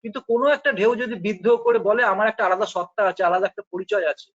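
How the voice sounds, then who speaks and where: A man's voice: high voice, very fast, fairly bright tone. A man with a Bengali accent explaining spiritual ideas in a philosophical discussion, patiently and with rhetorical questions. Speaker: spiritual teacher. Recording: dull lo-fi recording.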